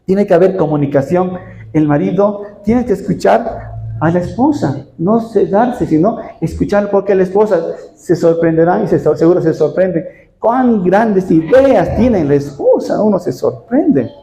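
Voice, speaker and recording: Man, sermon, earnest short phrases, mellow voice, echoey room. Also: sits high, animated, slight background noise. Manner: earnest, pausing in short phrases with tag questions. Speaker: pastor. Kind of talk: sermon with storytelling.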